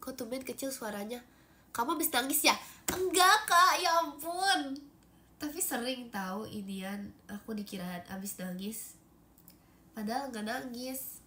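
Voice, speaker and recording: A woman's voice: fairly high pitch, normal speed, slight background noise. A young woman from Indonesia, stuffy from a cold, chatting animatedly on a phone livestream and thanking viewers for gifts. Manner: chatty and animated, frequent fillers. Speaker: idol livestreamer.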